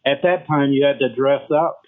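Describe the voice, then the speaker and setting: An older physician from Memphis, Tennessee, whose first language was French, appears as a guest on a podcast interview. His medium-pitched voice is measured and formal, broken by frequent pauses and fillers, and it comes through a tinny phone line.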